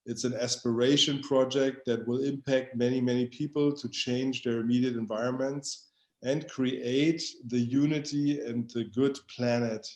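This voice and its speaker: A man's voice: mid-range voice, fairly even intonation, moderate pace, highs cut off. A man speaking as a co-founder in an interview, earnest and rhetorical, checking in with "right?" often. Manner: earnest, rhetorical, tag questions. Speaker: co-founder, guest. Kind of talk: inspirational interview answer. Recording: roomy echoey audio.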